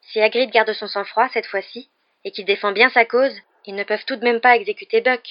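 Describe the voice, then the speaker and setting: Clever teenage girl, earnest and reproachful, raised pitch, read by a man, lo-fi. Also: fairly even intonation, a little fast, no room sound, lightly acted.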